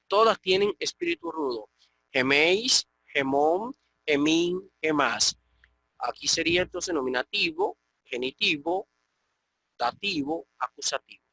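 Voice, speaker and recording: Male teacher from the Dominican Republic, patient explainer on an online call, crisp bright delivery, dry sound. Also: fairly high pitch, no room sound, rough recording. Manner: patient, explanatory, often checks with "ok?". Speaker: Koine Greek teacher. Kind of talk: online class lecture. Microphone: computer mic on an online call.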